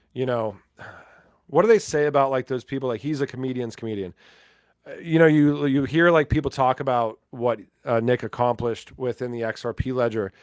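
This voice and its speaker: A man's voice: medium pitch, clean tone, no room sound, studio quality. A man hosting a casual crypto news rundown, talking loosely with lots of fillers and asides. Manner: chatty, filler-heavy, laughs while reading. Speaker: crypto news channel host.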